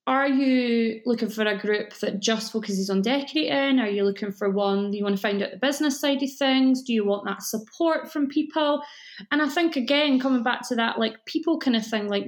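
A woman with a broad Scottish accent chatting casually as a podcast guest, giving encouraging, emphatic advice. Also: on the high side. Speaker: guest, cake business coach.

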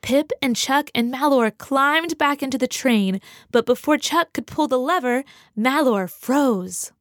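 A woman reading a children's story aloud with gentle, expressive storytelling. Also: sits high, measured pace, no echo, studio quality. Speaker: narrator. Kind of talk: scripted children's story narration. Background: music for children.

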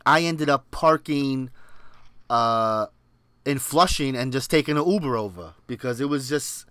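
Bright-voiced man with a Queens accent. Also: mid-range voice, a little slow, clean tone, no room sound. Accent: Queens New York. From Queens, New York. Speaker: podcast co-host. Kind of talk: casual chat, animated storytelling.

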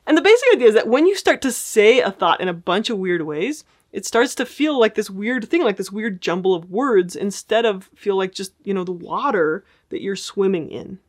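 Woman therapist, mid-pitched, friendly explanatory teaching manner. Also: moderate pace, hardly any pauses. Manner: friendly, explanatory, checks in with listeners. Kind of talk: casual teaching talk.

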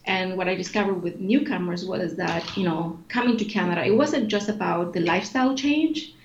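In an echoey room with dull, lo-fi sound and faint noise, a Chilean-born woman in her forties answers interview questions thoughtfully and explains at length, using frequent fillers and restarts. She is a guest, the executive director of an obesity organization, and her voice sits on the low side at a fairly quick pace.

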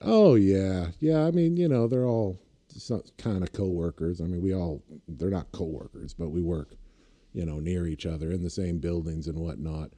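A man's voice: low voice, normal speed, mellow. A man chatting casually, rambling through anecdotes and laughing at his own stories. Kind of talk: casual chat.

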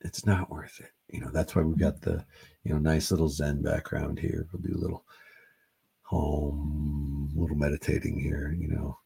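A middle-aged man hosting a solo sports podcast, rambling in a relaxed way with many fillers, a little high. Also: normal speed, vocal fry, husky. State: high on cannabis. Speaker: podcast host.

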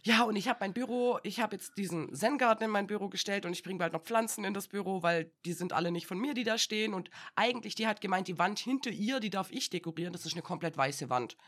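A woman's voice: medium pitch, fast talker, few pauses, fairly bright tone. A young woman chats casually on a podcast, spinning stories and slipping into the voices of the people she quotes. She laughs often as she talks. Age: young adult. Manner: chatty storytelling, acting out quoted dialogue, laughs often. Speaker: podcast co-host. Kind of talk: casual chat.

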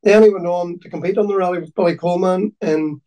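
A man with a Donegal Irish accent reminiscing in conversation, haltingly and often repeating his words. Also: sits high, fairly even intonation, recorded from a distance, over a noisy crowd, rough recording. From County Donegal, Ireland.

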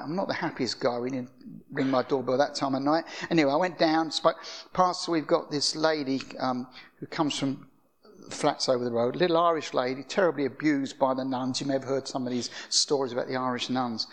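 An older man giving a sermon as a guest preacher, telling stories in a conversational way with frequent restarts. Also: medium pitch. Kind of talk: anecdotal sermon.

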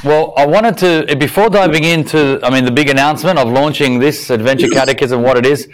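A man hosts a podcast interview in an upbeat, welcoming manner. His voice sits at an ordinary middle pitch, and he sounds keen and encouraging as he puts his questions to the guest. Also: low-quality recording. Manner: upbeat and welcoming, quick to praise. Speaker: podcast host. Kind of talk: casual interview.

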